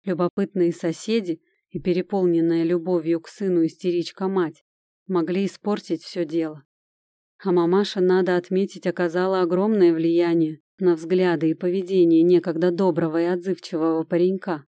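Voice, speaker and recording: Low, mellow woman narrating an audiobook. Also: flat delivery, moderate pace, no echo, studio quality. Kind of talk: first-person audiobook reading.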